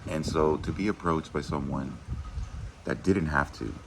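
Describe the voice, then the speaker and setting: A very deep-voiced man talks to his staff in an easy, earnest way, leaning on "you know" as he goes. He sounds middle-aged and speaks like a school administrator. A faint hum runs under the recording. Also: a little slow. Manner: earnest, conversational, many "you know" fillers. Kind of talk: casual video message to teachers.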